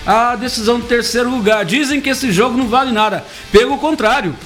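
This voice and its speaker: Man, high voice, sports commentator from Brazil, joking and animated, faint music underneath. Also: a little fast. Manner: joking, animated, teasing co-hosts. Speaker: sports commentator on a radio show. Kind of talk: casual sports talk.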